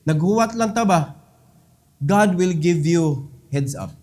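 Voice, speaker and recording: High-voiced Cebuano pastor preaching. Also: male voice, lively intonation, slow. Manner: swings between loud exhortation and soft low asides, mixing English. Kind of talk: sermon.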